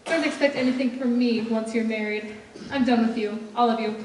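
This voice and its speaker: A woman's voice: fairly high pitch, steady tone, brisk, natural voice. A young woman playing a haughty, scolding rich old aunt in a stage play, with the imperious manner of an old tycoon. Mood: indignant, threatening. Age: teenage or young adult performer. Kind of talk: high school stage play acting. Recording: echoey stage, distant mic, noisy.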